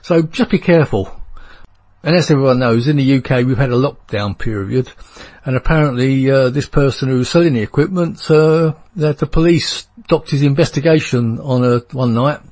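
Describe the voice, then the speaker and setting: A man from England with a London accent hosts a radio show, chatting casually and rambling with fillers. His voice is mid-range and a little mellow, at a moderate pace.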